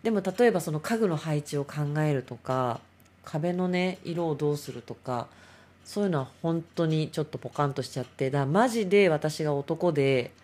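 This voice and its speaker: A woman's voice: sits low, expressive, fairly quick, darkish tone. A middle-aged woman hosts a casual solo talk show, rambling and self-mocking.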